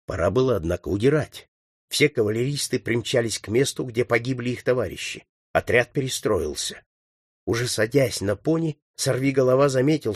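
A man's voice: mid-range voice, husky, no room sound, studio quality. Man reading an adventure audiobook. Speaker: narrator. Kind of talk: scripted audiobook narration.

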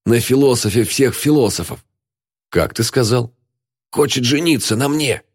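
A man's voice: on the low side, a little slow, dry recording, clean studio sound, pitched above the performer's own voice. A man voicing a frail, frightened old male philosopher in an audiobook, talking in gasping, breathless whispers. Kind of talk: audiobook reading.

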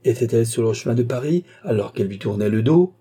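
A man's voice: mid-range voice, expressive, quick pace, warm tone, slightly rough. A man reading an audiobook, voicing an earnest young man who speaks firmly and respectfully to his older cousin. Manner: earnest, firm.

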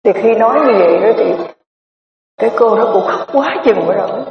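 A Buddhist nun, giving a storytelling dharma talk in a conversational, winding way with many filler words. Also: female voice, mid-range voice, lively intonation, normal speed. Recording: echoey hall, distant mic, dull lo-fi sound.

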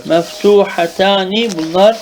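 High-voiced, slow-drilling grammar teacher. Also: male voice, a little hiss or hum. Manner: drills terms slowly, asks checking questions. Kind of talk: traditional madrasa-style grammar lesson.

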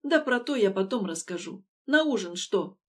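A woman voicing a blunt, decisive older mother who speaks briskly and plainly in an audiobook. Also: medium pitch, expressive, close to an everyday voice.

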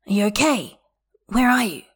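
A woman's voice: medium pitch, moderate pace, slightly rough, lightly acted. A woman voicing an easygoing young man who talks in a light, flippant way but grows concerned, in an audiobook reading. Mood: worried. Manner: breezy, flippant.

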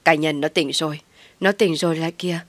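A woman's voice: deep voice, fairly even intonation, fast talker, fairly bright tone, no room sound. A woman voicing a tearful, worried older mother who fusses and soothes, in a storybook reading. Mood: fretful. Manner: fretful, soothing.

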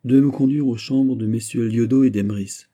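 A man's voice: mid-range voice, fairly even intonation, moderate pace, warm tone, pitched above the performer's own voice, lightly acted. A man voicing a proud, passionate minister in an audiobook reading, speaking in an ardent, declamatory way. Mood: commanding.

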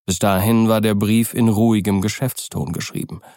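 A man reading a classic story aloud as audiobook narrator in an even, unhurried manner. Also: fairly low pitch, dry recording, clean studio sound. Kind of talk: scripted narration.

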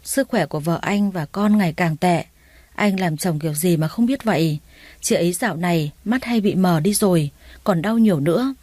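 A woman's voice: on the low side, moderate pace, darkish tone, dry recording, natural voice. Woman voicing a blunt hospital nurse. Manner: blunt and reproachful.

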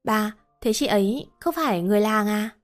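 A woman voicing a meek, polite young pregnant wife who asks gentle questions, over faint music. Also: mid-range voice, fairly quick, close to an everyday voice. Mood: pleading.

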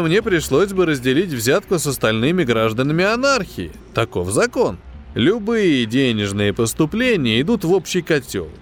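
A man reading an audiobook, voicing a plump, smug male space-station quartermaster who talks in a condescending, falsely sympathetic, drawn-out way. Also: sits high, pitched above the performer's own voice. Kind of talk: audiobook character voice.

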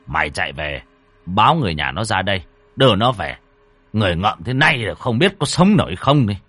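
A man's voice: lowish voice, big pitch swings, fairly quick, a bit bright, breathy edge, no echo, heavily acted. A man voicing a stern, experienced older village man who scolds bluntly. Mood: scolding.

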